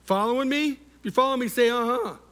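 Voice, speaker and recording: A middle-aged male pastor preaching a sermon, measured and repetitive for emphasis, often asking the congregation to respond. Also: very high voice, a bit bright. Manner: measured, repeats key words for emphasis.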